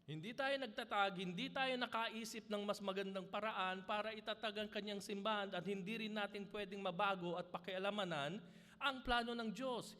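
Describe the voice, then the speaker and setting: A man with a Filipino accent preaching a sermon, rising for emphasis and dropping soft and low for asides, with nervous stumbles and restarts. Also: moderate pace. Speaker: pastor. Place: church hall. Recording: long church hall reverb.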